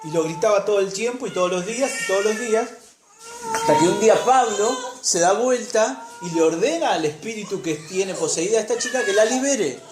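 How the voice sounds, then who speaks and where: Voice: medium pitch, lively intonation, brisk, echoey room, background noise. A preacher with an Argentine Spanish accent, telling a Bible story in a sermon and putting rhetorical questions to the congregation. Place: church.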